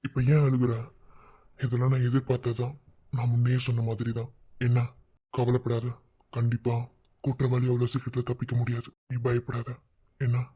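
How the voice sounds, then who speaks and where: A man voicing a steady older-brother figure who gently reassures his family in a Madurai Tamil accent. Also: mid-range voice, normal speed, long pauses, husky, dull audio, close to an everyday voice. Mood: reassuring.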